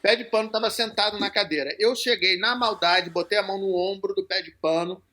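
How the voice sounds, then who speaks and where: Middle-aged man, high bright voice, loose and profane storyteller. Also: fairly quick. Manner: loose, profane anecdote-telling with laughs. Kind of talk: casual chat.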